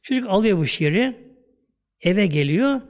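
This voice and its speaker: Turkish preacher telling a story. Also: male voice, sits high, expressive, measured pace. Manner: colloquial storytelling, repeats "şimdi" and "böyle". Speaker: preacher, religious teacher. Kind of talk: religious storytelling talk.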